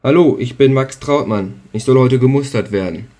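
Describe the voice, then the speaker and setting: A man's voice: medium pitch, moderate pace, mellow, close to an everyday voice. A man voicing a young, reluctant recruit who mutters wry inner thoughts. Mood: polite.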